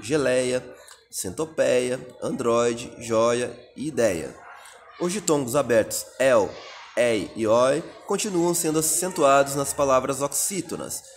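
A man's voice: mid-range voice, slight background noise. A Brazilian man teaching a recorded exam-prep lesson, reading out answer options and explaining each one step by step. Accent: Brazilian Portuguese.

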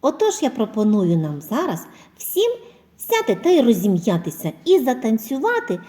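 A woman kindergarten teacher giving a phonics lesson to preschoolers, asking questions, pausing for answers and spelling out example words slowly and clearly. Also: fairly high pitch, huge pitch swings, mellow. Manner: asks questions and pauses for children's answers.

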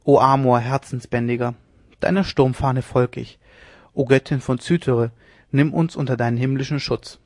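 A man's voice: medium pitch, steady tone, normal speed, dry recording, clean studio sound, natural voice. A man reading an audiobook, voicing a reckless, mocking young lieutenant who talks in an exuberant, theatrical way. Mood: rapturous. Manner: exuberant, theatrical, loudly teasing.

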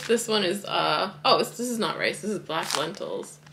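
Going through a grocery haul in her kitchen, a woman in her thirties who vlogs about wellness chats casually, packing her talk with fillers and "likes." She moves in and out of view of a camera on the counter. Her mid-range voice is gravelly, with lively intonation, a normal pace, and background noise.

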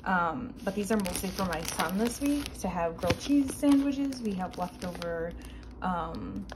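A woman's voice: lowish voice, animated, measured pace. A young woman chatting casually as she shows her groceries to a phone camera, rambling with lots of fillers and asides. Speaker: vegan grocery haul vlogger. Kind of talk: casual chat. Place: indoors at home. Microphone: handheld phone filming products. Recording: noticeable background noise.

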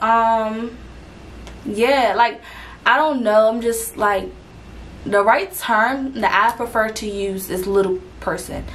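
A woman's voice: medium pitch, slight background noise, low-quality recording. A young adult woman vlogging casually to camera, chatty and rambling, with fillers and restarts, a little out of breath.

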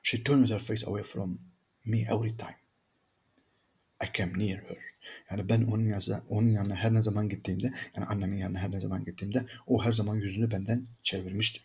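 A man's voice: lowish voice, little pitch movement, fast talker, creaky, slightly rough. A man teaching, who reads a story in English, then translates and explains each line, often turning to his listeners as friends. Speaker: English teacher reading and translating a graded reader. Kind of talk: reading aloud in English and translating into Turkish.

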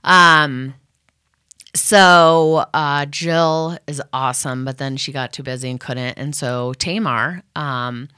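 A woman's voice: sits low, slow, pushed and bright, smooth, dry recording, clean studio sound. A woman radio host thanking her sponsors in a loose, rambling chat full of fillers and restarts. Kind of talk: casual thank-you to sponsors.

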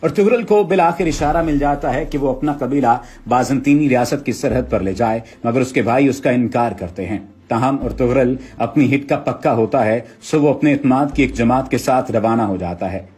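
A man narrating a summary of a TV drama in a measured, formal storytelling manner. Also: mid-range voice, darkish tone, husky. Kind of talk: read narration.

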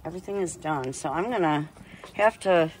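This lakeside cooking vlog features a woman grilling outdoors and filming with a handheld phone, chatting unhurriedly with lots of digressions. She has a low voice with lively intonation. Slight background noise and rough audio mark the recording.

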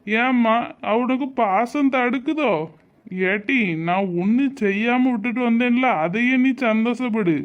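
A woman's voice: a little high, muffled recording, lightly acted. A woman voicing a defensive, hot-tempered husband and father in a cartoon. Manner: defensive, pleading. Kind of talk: cartoon voice acting.

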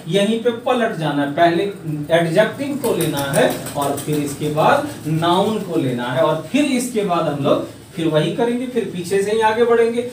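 Male grammar teacher, high voice, slow emphatic delivery, recorded in a very echoey room. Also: a little hiss or hum. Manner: slow and emphatic, drawing out English words. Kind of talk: classroom lesson. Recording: echoey room, far from the mic.

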